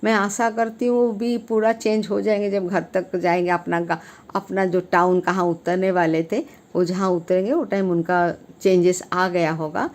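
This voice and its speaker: A woman's voice: fairly even intonation, moderate pace. Earnest, emphatic woman giving a moral talk. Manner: emphatic, with frequent rises in pitch and loudness; hesitant fillers and restarts between phrases. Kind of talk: earnest speaking to camera on civic duty.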